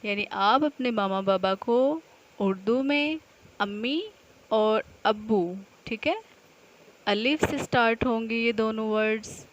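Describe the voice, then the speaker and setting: A woman teaching a nursery alphabet lesson to young children, stretching each syllable out slowly so they can repeat after her. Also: on the high side, muffled recording.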